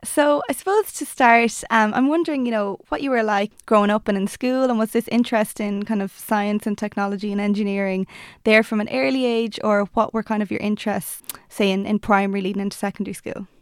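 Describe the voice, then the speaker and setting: A woman's voice: medium pitch, steady tone, fairly quick, clean tone, dry recording, studio quality. A woman with an Irish accent speaking as a podcast host, introducing and interviewing.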